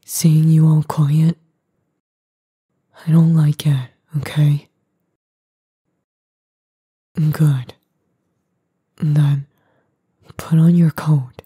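Girl doing an edgy young boyfriend, ASMR role-play, super breathy and dark, gruff but caring, intimate asmr. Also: low-pitched, level tone, drawn-out words, long pauses, no room sound, studio quality, exaggerated voice. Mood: worried, pleading. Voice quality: breathy, husky soft voice.

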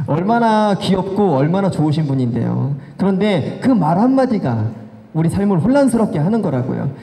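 A man's voice: high-pitched, moderate pace, vocal fry. A middle-aged man telling stories at a talk concert, acting out family members' lines as he goes. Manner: animated, acts out family quotes in changing voices. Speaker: guest speaker. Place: large hall with audience. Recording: echoey hall reverb.

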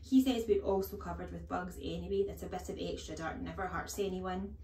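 A woman's voice: on the low side, steady tone, a little fast, warm tone, distant mic, close to an everyday voice. A woman voicing a brave, polite little schoolboy, earnest and frank, in a children's storybook reading. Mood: matter-of-fact. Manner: earnest, frank, trying not to sound scared. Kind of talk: children's storybook read-aloud. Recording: echoey room.

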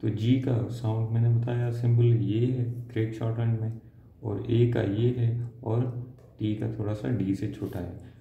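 A man teaching a shorthand lesson step by step, slow and patient, trailing off softly as he draws each symbol. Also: on the low side, flat delivery, gravelly, a little hiss or hum. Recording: dull lo-fi sound in an echoey room.

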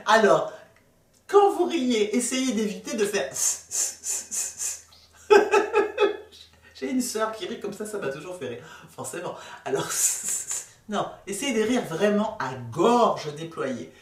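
A woman's voice: mid-range voice, very animated, normal speed. A woman vocal coach giving a playful, demonstrative lesson, often laughing at herself and sliding between her voice registers. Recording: roomy sound from a distant mic, faint music.

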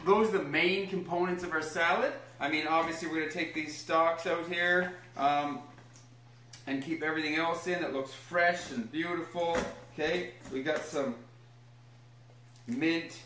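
A man's voice: a little high, pushed and bright, slight background noise. A young man demonstrating a recipe in his home kitchen, upbeat and encouraging as he explains each step and cheers on a small child helping him. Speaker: home cooking host. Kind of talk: casual cooking demonstration. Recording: echoey kitchen room.

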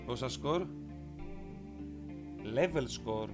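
Man, let's-play streamer, easygoing chatter, middle pitch, game guitar music behind. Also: animated. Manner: reads game dialogue aloud in English, muttering asides. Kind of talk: casual let's-play commentary.

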